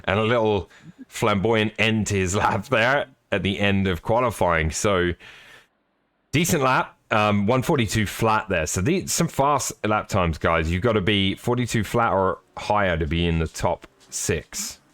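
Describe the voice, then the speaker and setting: A man's voice: on the low side, lively intonation, measured pace, fairly bright tone, no room sound, studio quality. A man giving live, chatty sim racing commentary with jokey, apologetic asides.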